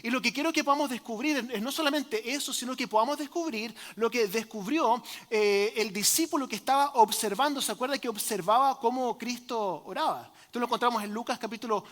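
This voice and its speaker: A man preaching a sermon as a pastor in a church, joking with the congregation and often pausing with fillers. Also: very high-pitched, a bit bright, in a large hall. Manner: filler-heavy, hesitant delivery. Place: church sanctuary.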